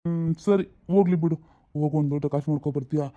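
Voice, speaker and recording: A woman's voice: sits low, quick pace, muffled recording, lightly acted. A woman playing an easygoing, teasing husband and father in a comedy sketch. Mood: casual. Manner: relaxed, teasing.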